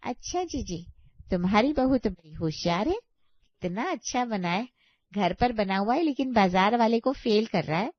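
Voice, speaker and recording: A woman's voice: fairly high pitch, animated, moderate pace, no echo. A woman voicing a nosy, outspoken aunt who is visiting as a guest and talks in a prying way, on a dull, lo-fi recording. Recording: dull lo-fi sound.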